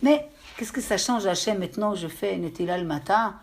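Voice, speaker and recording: A woman with an accent giving a religious lesson to a group, telling stories in a halting way and often checking that her listeners understood. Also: medium pitch, slight background noise. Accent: speaks with an accent. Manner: storytelling, with halting restarts. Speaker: religious teacher. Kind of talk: lecture to a group.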